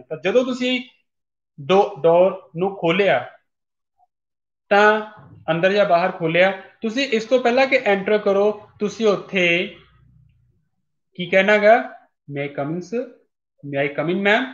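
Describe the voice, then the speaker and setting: A man with a Punjabi accent teaches a lesson in a high, bright register, repeating each instruction and mixing in English phrases. His voice carries the echo of a bare room, and the recording sounds dull and lo-fi. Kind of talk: classroom lesson.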